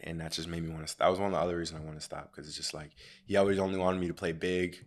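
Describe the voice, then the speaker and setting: Young man, very low voice, rapid talk, casual podcast chat, laid-back, trailing off quietly. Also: fairly even intonation. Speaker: podcast co-host.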